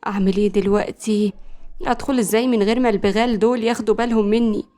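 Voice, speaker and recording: A woman's voice: medium pitch, steady tone, racing, mellow, lightly acted. A woman voicing a lovestruck, brash young Egyptian woman obsessed with a footballer, in a dramatic way. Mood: scheming.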